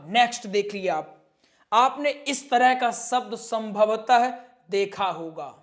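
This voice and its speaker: A man teaching Sanskrit pronunciation in a slow spoken lesson, drawing out syllables and asking his viewers questions. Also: high-pitched. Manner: drawn-out, deliberate syllables, repeating rules and asking the viewers questions.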